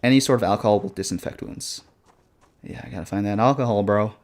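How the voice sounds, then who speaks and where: A fast-talking man with a fairly low voice streams a horror game live. His slangy, casual commentary includes jumpy, frightened reactions and remarks to chat.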